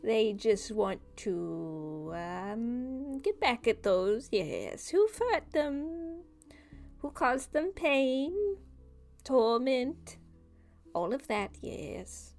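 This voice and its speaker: A woman's voice: a little high, very animated, faint music behind, heavily acted. A woman doing a creepy coaxing dream spirit. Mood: coaxing, eerie. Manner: slow, drawn-out, hissing "yes" after phrases.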